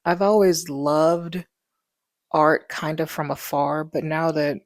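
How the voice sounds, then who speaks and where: A woman vlogger in her twenties takes it slowly in a low voice as she chats casually in her living room, rambling easily and using many fillers. The recording from her wireless clip mic is dry and of studio quality.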